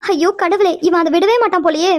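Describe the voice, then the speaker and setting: A sulky, easily upset young woman in a cartoon story, voiced by a woman, who stammers and protests when cornered. Her voice is very high and she talks quickly. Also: darkish tone. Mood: flustered. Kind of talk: cartoon voice acting.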